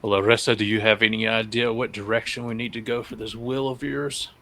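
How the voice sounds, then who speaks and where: A man's voice: lowish voice, little pitch movement, fairly quick, a bit bright, poor audio. A man playing a tabletop game, talking casually with wry banter. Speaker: player.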